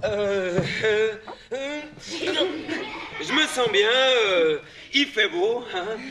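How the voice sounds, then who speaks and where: An actor playing a shy young boy on a theatre stage, halting and full of hesitant fillers. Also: high voice, expressive, sharp tone, some chatter behind, exaggerated voice. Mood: bashful. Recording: distant stage mic with faint hiss.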